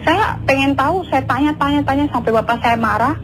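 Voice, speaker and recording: A woman from Medan with an Indonesian accent calls into a radio show, speaking in a high voice at a brisk pace. She tells a family story earnestly, repeating herself and often addressing the host. The phone-line audio is poor, with music playing underneath.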